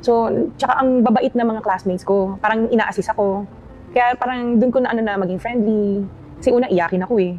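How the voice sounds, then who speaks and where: A woman's voice: a little high, a little fast, darkish tone, lo-fi sound. A middle-aged woman interview guest, chatting casually and politely, mixing Tagalog with English. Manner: mixes Tagalog with English, polite "opo", laughs easily.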